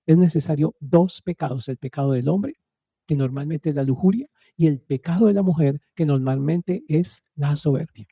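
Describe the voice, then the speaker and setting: A man hosting a faith radio program, his voice very dark and mellow yet pitched a little high. He tells stories earnestly in a preaching way and often puts rhetorical questions to listeners. The recording is dry and close. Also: moderate pace, slightly rough, dry recording. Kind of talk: radio talk on faith and marriage.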